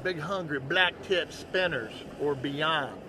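A man, a charter fishing captain giving loud, excited commentary and coaching on an open boat, recorded on an action camera. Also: fairly high pitch, slow pace. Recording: outdoor boat noise. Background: wind and water noise.

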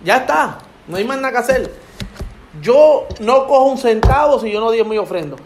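Animated high-voiced man preaching. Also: moderate pace. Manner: animated storyteller, preachy, acts out quotes. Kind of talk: casual faith testimony chat. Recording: echoey room with background noise.

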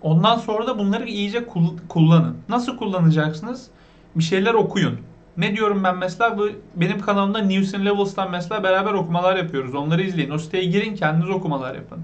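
A man with a Turkish accent teaching beginners English vocabulary, asking questions and repeating each word slowly. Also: high-pitched, dull audio. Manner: asks the viewers questions, repeats the words slowly.

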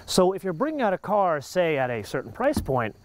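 A man's voice: high voice, fairly quick. A man in his forties hosting a car review, talking with emphatic energy while driving and outdoors on a lapel mic. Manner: lively, emphatic, talks with his hands. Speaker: car show host. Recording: road and outdoor noise behind.

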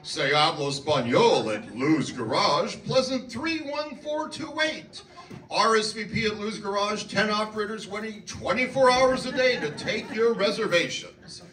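A man in his seventies playing a brash 1960s TV garage pitchman, hammy and drawn out, in an echoey hall. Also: lively intonation, unhurried, sharp tone, exaggerated voice. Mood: salesy. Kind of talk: 1960s TV commercial announcing. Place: auditorium stage. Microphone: handheld mic. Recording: echoey hall, from far off, noisy.

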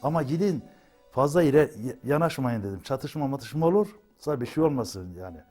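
A man's voice: medium pitch, expressive, a little fast, darkish tone, soft background music. An older man, a father, recalls for a documentary what he told his sons, quoting his own advice. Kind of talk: emotional first-person recollection.

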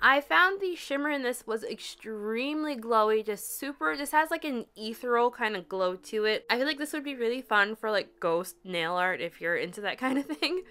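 Young woman, polish reviewer; chatty, upbeat voice-over, fairly high voice. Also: animated, moderate pace, few pauses, sharp tone, smooth. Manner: giggles at her own slips. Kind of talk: scripted product review voice-over.

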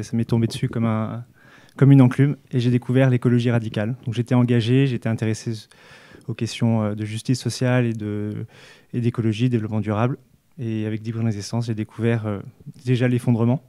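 A man in his thirties with a medium-pitched, mellow voice speaks briskly but flatly as an activist guest on a casual discussion, earnest into a handheld mic, with frequent restarts and fillers. He is from the United States and France, was raised in Montreal and New York, and sits in a small studio with a brick wall.

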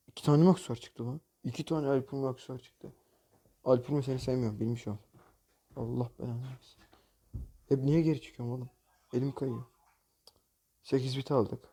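A man's voice: medium pitch, warm tone. A man hosting a gaming channel, commenting on opening loot boxes in a mobile game, exasperated and jokey, often cursing at the game.

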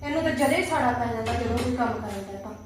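Woman doing a snappy daughter-in-law, high voice, echoey room. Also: lively intonation, racing, background noise, close to an everyday voice. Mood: muttering. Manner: snapping back, irritated. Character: sharp-tongued young daughter-in-law. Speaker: actor in a family skit. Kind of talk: amateur family sketch acting. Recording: echoey, distant phone mic.

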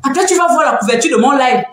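A woman hosting a live stream from home, chatting casually with a teasing, animated delivery and frequent laughter. Her voice sits a bit high. The sound is very roomy and echoey, with a faint hiss of background noise. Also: a little fast.

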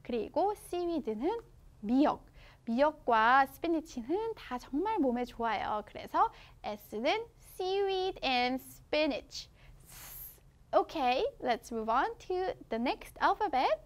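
A young Korean woman leads a children's English lesson from a picture book, her voice pitched high and swooping up and down as she teaches. She draws each English word out very slowly, then races through her explanations, cheering the listener on. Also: very animated. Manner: slow, drawn-out English words, quick Korean explanations.

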